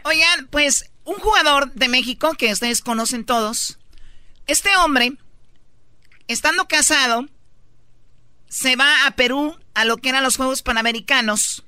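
A woman's voice: high-pitched, measured pace, sharp tone, no room sound. A woman podcast host telling gossip in a chatty, teasing way. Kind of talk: casual gossip storytelling.

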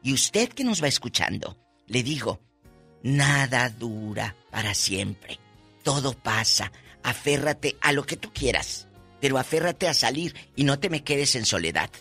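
A man hosting a radio talk show, his pitch swinging widely as he gives emphatic advice. His voice is bright and a little husky, with soft music underneath. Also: a little slow. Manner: animated, preachy advice to listeners. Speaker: radio co-host.

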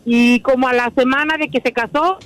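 A woman's voice: high-pitched, steady tone, normal speed. A woman calling in to a radio show, telling her story in a frank, matter-of-fact way. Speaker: caller. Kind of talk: call-in story.

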